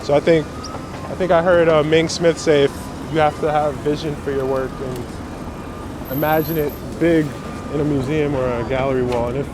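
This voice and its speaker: Interviewed out on a busy city street, this Brooklyn street photographer in his twenties answers in a laid-back, reflective style peppered with slang. His voice is fairly high and even, at a normal pace. Traffic and urban street noise are audible throughout.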